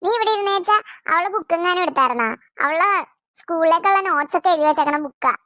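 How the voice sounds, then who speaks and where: A woman's voice: very high-pitched, quick pace, sharp tone, no echo, clean studio sound. A woman voicing an exasperated mother in a family cartoon who scolds her children. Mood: scolding. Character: scolding harried cartoon mother of several kids.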